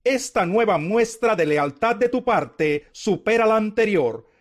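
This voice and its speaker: A man voicing a kindly, authoritative landowner in a scripted scripture reading, solemn and measured. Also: high voice, animated. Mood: solemn blessing. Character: kindly, authoritative male landowner of biblical times.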